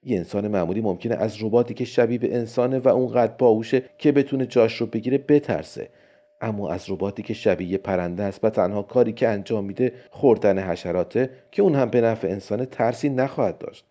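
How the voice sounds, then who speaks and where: A man voicing a calm, friendly male robotics expert who patiently reasons his case, in a storybook reading. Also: medium pitch, close to an everyday voice. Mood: calm persuading. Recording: dull lo-fi recording.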